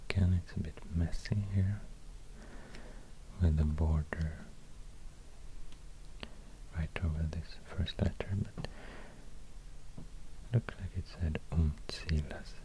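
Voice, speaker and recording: Male ASMR whisperer, low and breathy, very unhurried musing delivery, faint hiss behind. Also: steady tone. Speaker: ASMR creator. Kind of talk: whispered ASMR map reading.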